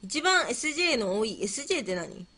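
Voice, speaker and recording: A woman hosts a relaxed livestream, answering quiz questions in a playful, scatterbrained way and thinking out loud. Her voice is bright and sits a bit high. Her pitch swings widely from line to line. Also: fast, breathy edge. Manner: playful and scatterbrained, musing aloud and repeating herself. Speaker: livestream host. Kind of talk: casual livestream chat, answering quiz questions and reading viewer comments.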